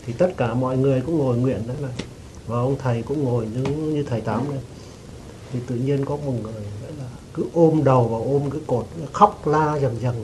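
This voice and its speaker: A man respectfully telling his teacher a story he witnessed, in a hesitant, halting way, with frequent restarts and throat-clearing. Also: mid-range voice. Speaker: devotee giving testimony. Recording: noisy recording with rain behind.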